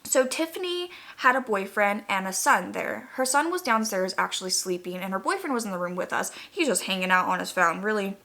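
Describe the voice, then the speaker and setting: A woman's voice: mid-range voice, lively intonation, a little fast, gravelly, few pauses, bright, forceful tone. A young woman telling a personal spooky story casually, in a chatty, rambling way with "like" scattered throughout.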